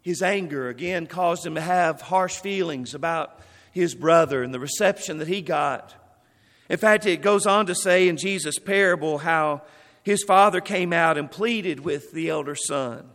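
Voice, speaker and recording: High-voiced preacher in a reverberant hall. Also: male voice, moderate pace, a bit bright. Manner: reads scripture aloud, then comments on it. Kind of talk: sermon reading and explaining scripture.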